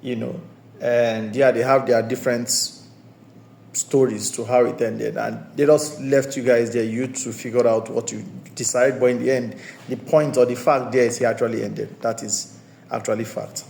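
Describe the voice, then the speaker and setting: A man talks through a film review in a loose, conversational way, looping back to repeat and stress his points. His voice sits at an ordinary middle pitch. The recording carries a noticeable roomy echo. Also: flat delivery, normal speed, vocal fry, a little mellow, a little hiss or hum. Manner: discursive, circling back to restate points. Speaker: movie reviewer and channel host. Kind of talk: casual spoken movie review. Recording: roomy echoey room sound.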